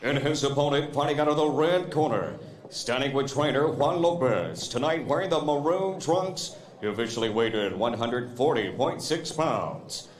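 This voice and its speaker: A man working as a boxing ring announcer, stretching out the fighters' names. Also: medium pitch. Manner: drawn-out shouted fighter names. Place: convention center arena. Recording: echoey arena sound.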